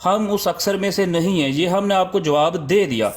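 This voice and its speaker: A combative man in a heated debate who interrupts and scolds his opponent. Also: high voice.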